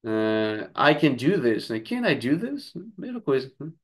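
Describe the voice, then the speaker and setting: A man with Portuguese as his first language explains English grammar in a chatty lesson, tagging phrases with frequent questions. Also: measured pace. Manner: chatty, frequent "né?" tag questions, lively swings in pitch. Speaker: English teacher.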